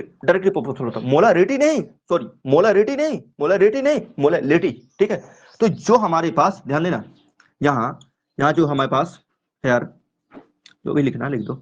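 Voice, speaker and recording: Chemistry teacher quizzing himself aloud. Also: male voice, on the high side. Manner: asks rhetorical questions and answers them himself; repeats key terms drawn out. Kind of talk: online class lecture. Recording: dull lo-fi recording.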